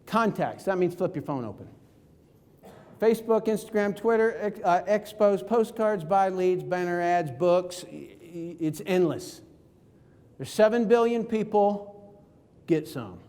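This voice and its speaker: High-voiced energetic man in a hall. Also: unhurried. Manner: energetic, jokey, acts out phone calls. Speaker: network marketing speaker. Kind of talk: motivational seminar talk. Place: conference hall. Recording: reverberant hall.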